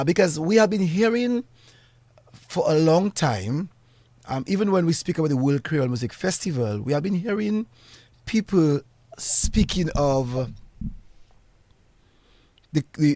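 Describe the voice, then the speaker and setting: A man hosting a radio interview, speaking in a halting way and repeating words. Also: fairly high pitch, expressive, darkish tone, no echo. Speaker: radio host.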